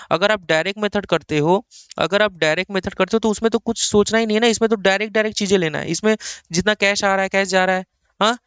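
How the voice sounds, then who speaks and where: A man's voice: high voice, fairly bright tone, smooth, no room sound, highs cut off. A man from India teaching accounting in a classroom-style lecture, coaxing and repeating points for his students.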